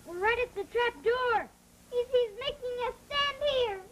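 Very high-voiced plucky small boy. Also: a little slow, fairly bright tone. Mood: frightened, defiant. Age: child. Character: plucky small boy, scared but brave. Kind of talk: 1930s film acting. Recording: noisy 1930s film soundtrack.

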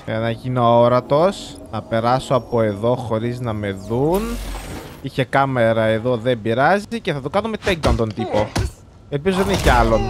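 A young man, chatting through live gameplay commentary and reacting loudly to what happens on screen. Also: mid-range voice, background noise. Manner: chatty, reacts loudly to the game, mixes in English words. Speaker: gaming YouTuber.

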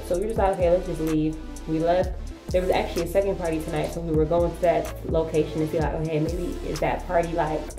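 A woman's voice: fairly low pitch, mellow. An American woman in her twenties recapping her day casually to camera for a vlog. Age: 20s. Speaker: vlogger. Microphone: camera a short distance away. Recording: echoey small tiled room.

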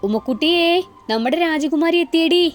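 A woman's voice: on the high side, expressive, a little fast, mellow, soft background music. Storybook dad: a woman plays a soothing, doting middle-aged father. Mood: tender. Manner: soothing, coaxing. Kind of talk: audio storybook narration.

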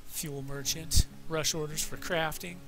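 A man's voice: on the high side, steady tone, measured pace, vocal fry, low-quality recording. A man hosting a guided video game tour in casual, improvised commentary, with playful, joking, self-deprecating asides. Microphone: desk microphone, voice-over on game footage. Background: game music.

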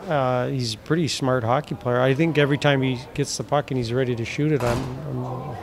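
A man's voice: mid-range voice, steady tone, normal speed, vocal fry, crowd noise. A man in his fifties, a hockey head coach giving a postgame press interview in a blunt, plain-spoken way with many fillers, recorded on a handheld mic in front of an indoor press backdrop. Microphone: handheld mic held near the chin.

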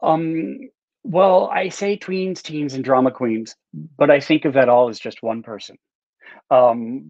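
Over muffled, low-fidelity video-call sound, a middle-aged writer who teaches writing talks through interview questions in a loose, rambling, self-mocking way. His medium-pitched voice is a little mellow and dryly recorded. He's indoors in a small room full of books.

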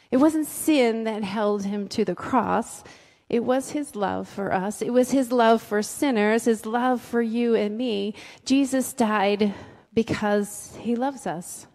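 A woman's voice: a little high, a little mellow. A middle-aged woman pastor preaching a conversational sermon on a handheld mic, asking the congregation questions. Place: church sanctuary with a stage. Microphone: handheld mic, filmed from the back of the room. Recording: long reverb of a church hall.

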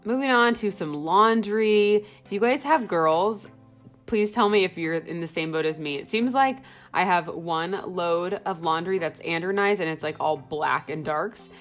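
A woman's voice: on the low side, moderate pace, soft background music. A young woman talking casually as a home vlogger, narrating her cleaning routine in a chatty, friendly way with lots of fillers.

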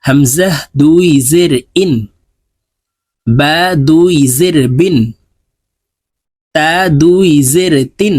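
A man teaching Quran letter pronunciation, reciting each sound slowly and evenly for students to repeat. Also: fairly high pitch, darkish tone, dry recording. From Bangladesh. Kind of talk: slow recitation drill lesson.

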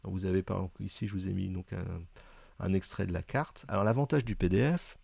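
A man's voice: low voice, fast talker, creaky, a little mellow, breathy edge, dry recording. A man giving a casual, explanatory review, talking hesitantly with many fillers and chatty asides. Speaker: video presenter reviewing books.

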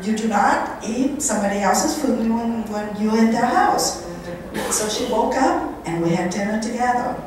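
Speaking at a moderate pace in a higher-leaning voice, a middle-aged woman tells a conversational, animated story with quoted dialogue to a live audience. She is a guest speaker at a charity event in a country club function room, using a handheld mic recorded from afar by a camera, with heavy echo and faint noise.

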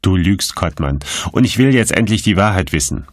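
A man voicing a stern male magistrate who questions in a firm, cold, measured way. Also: deep voice, animated, no room sound.

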